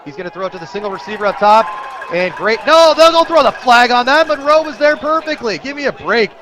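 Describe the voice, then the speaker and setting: Talking fast against a faint crowd, an American radio announcer handles play-by-play for live high school football. He's rooting for the home team and gets animated during big plays.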